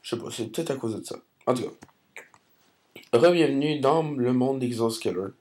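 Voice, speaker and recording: A man's voice: medium pitch, a little slow, a little mellow. A man with a Québécois accent giving rambling, hesitant commentary over recorded gameplay. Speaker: gaming commentator.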